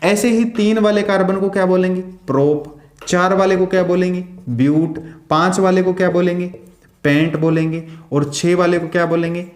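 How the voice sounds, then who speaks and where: A man's voice: sits high, steady tone, moderate pace. A man teaching a science lesson, asking questions and answering them himself, counting aloud as he draws. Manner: counts aloud while drawing. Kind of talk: classroom lecture. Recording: echoey room.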